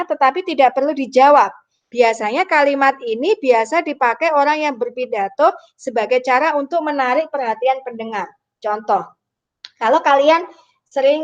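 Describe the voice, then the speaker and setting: A woman lecturer giving a university lecture, explaining patiently and slipping from formal phrasing into casual slang. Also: high voice. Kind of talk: online lecture. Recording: dull lo-fi recording.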